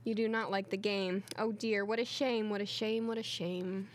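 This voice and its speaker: A woman's voice: medium pitch, fairly even intonation, moderate pace, close to an everyday voice. A woman reads as a mischievous storybook tomcat. The cat is playful and breezy, speaking in reassuring singsong rhyme. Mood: regretful. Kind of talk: read-aloud children's storybook.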